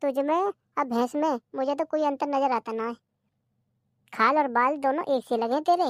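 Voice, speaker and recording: A sleepy, rude cartoon husband who trades mocking insults, as a woman puts him on. The voice stays fairly high and is recorded dry and close. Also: normal speed, no echo, lightly acted. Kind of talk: cartoon comedy voice-over.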